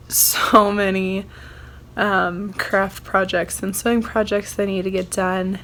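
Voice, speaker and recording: A young woman with a sick, croaky frog voice from a sore throat, chatting casually and ramblingly to viewers as a video host. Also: mid-range voice, a little hiss or hum. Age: young adult.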